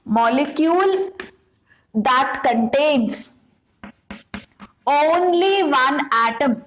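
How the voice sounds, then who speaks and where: A woman teaching a science lesson, asking the class questions and slowly repeating the answers. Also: high voice, echoey room, rough recording.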